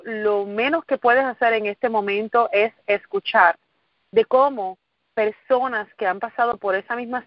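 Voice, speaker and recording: Speaking in a mid-range voice, this middle-aged motivational speaker from Puerto Rico delivers an earnest pep talk in Puerto Rican-accented Spanish, driving points home through repetition. It's captured over a call or conference line, muffled and with no room sound.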